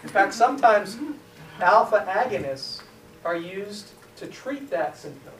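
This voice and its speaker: His high, animated voice moves at a measured pace as he lectures on pharmacology, quizzing students and then answering his own questions. The recording comes from far away in an echoey lecture room with faint hiss.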